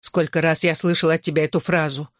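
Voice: normal speed, no echo, studio quality, close to an everyday voice. A reader voicing a frantic, overprotective mother who accuses a boy. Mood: tearful. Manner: shrill and accusing. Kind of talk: audiobook dialogue.

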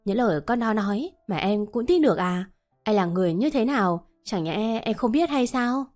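A woman's voice: a little high, lively intonation, moderate pace, a little mellow, soft background music, close to an everyday voice. A woman voicing an abusive middle-aged man who blusters and threatens a young maid. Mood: coaxing. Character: bullying middle-aged man, the mistress's partner.

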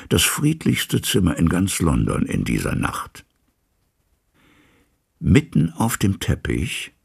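A man narrates a classic novel with measured, dramatic storytelling. His voice sits very low, with a heavy gravelly fry and a strongly husky grain. His pitch moves in wide, lively swings through each sentence. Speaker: audiobook reader. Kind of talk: scripted literary narration.

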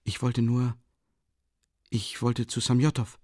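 A man voicing a withdrawn young man in an audiobook, subdued and halting, with hesitations. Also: medium pitch, level tone, darkish tone, no echo, studio quality. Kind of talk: audiobook character reading.

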